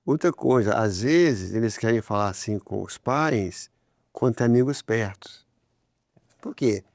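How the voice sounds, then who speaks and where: A man with a Brazilian Portuguese accent talks in a gravelly, creaky voice about faith and family. His tone is conversational, and he gets lively when he tells examples. The studio sound is dry and close, with no room echo. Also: fairly low pitch, unhurried. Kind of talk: religious family talk.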